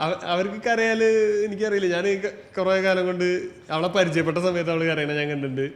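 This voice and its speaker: A man with a Malayali accent recalling memories haltingly in a casual group chat. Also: high voice, steady tone. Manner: halting, self-correcting recollection. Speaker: comedy podcast panelist. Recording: echoey room, long reverb, faint noise.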